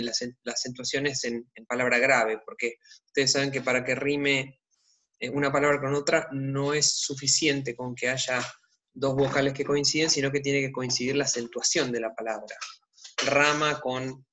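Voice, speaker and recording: A man teaching a literature lesson, explaining calmly and thinking aloud as he goes. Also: mid-range voice. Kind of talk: explanatory online lecture.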